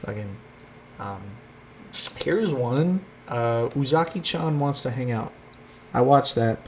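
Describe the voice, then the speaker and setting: A man's voice: mid-range voice, animated, slow pace, darkish tone, a little hiss or hum. A man hosting a casual chat show, rambling and hesitant with many fillers and restarts. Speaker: host.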